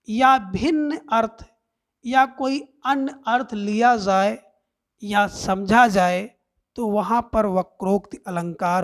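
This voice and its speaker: Slow, high-voiced woman teaching grammar. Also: dry recording, studio quality. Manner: slow, deliberate explaining, reciting verse examples. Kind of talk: explaining Hindi grammar lesson.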